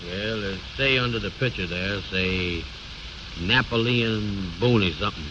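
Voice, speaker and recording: A man's voice: lowish voice, measured pace, lightly acted. An actor playing a bossy, self-important man who blusters in folksy ungrammatical speech, in old radio comedy style. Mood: self-assured. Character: pompous, bossy, know-it-all man bluffing his friend. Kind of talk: 1930s-40s radio comedy acting. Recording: muffled, noisy old radio recording.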